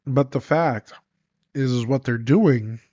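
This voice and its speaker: A congested man with a mid-range, darkish voice hosts a solo podcast, delivering an emphatic, sarcastic monologue packed with rhetorical questions. There is no room sound, and the recording is dry, dull, and lo-fi.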